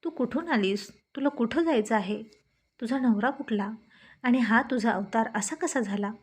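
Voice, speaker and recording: A chatty, teasing young village woman with a fairly high voice, as a woman storyteller puts her on. She talks quickly and freely in a homely way. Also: husky.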